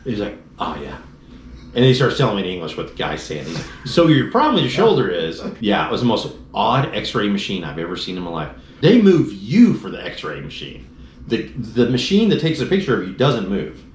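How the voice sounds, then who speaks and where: Low-voiced man telling a story, echoey room. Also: brisk. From Dallas-Fort Worth area, Texas. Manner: animated storyteller, acts out quoted dialogue. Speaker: motorcycle trip rider telling his story. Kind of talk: casual storytelling chat. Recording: roomy echoey room, faint noise.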